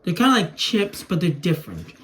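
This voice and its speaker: His voice sits high and a bit bright, with huge pitch swings and a fairly quick delivery. He is a young adult, native Spanish-speaking toy video creator chatting in a rambling, casual way as he demonstrates to camera in a small room at home, with clear background noise and clicking.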